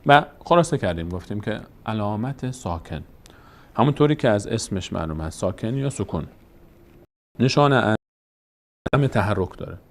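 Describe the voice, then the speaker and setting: A man with a Tajik Persian accent explains Quranic reading signs one step at a time, patiently asking and then answering his own questions. He has a lowish, expressive voice with vocal fry and pauses often.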